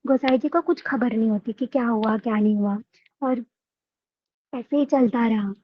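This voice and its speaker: A woman's voice: a little high, moderate pace, no echo, highs cut off. A woman telling a devotional story with emotive delivery, repeating phrases for effect.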